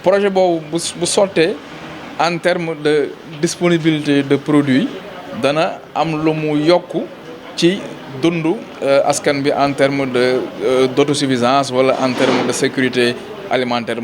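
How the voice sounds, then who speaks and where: This Senegalese-accented man, a local official being interviewed, talks at a medium pitch with a level tone, breaking off mid-phrase and saying words twice as he explains. Background noise can be heard.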